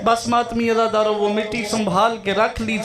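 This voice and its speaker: A man reciting a Muharram majlis sermon at a mourning gathering, in a weeping, wailing delivery with slow, drawn-out lines. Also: high voice, level tone.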